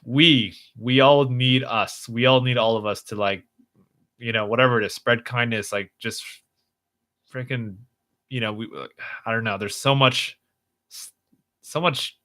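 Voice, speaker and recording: A young man hosts a casual livestream, talking earnestly in a bright, forward tone. He rambles and restarts often, filling his talk with fillers as he goes. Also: on the low side. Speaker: livestream host.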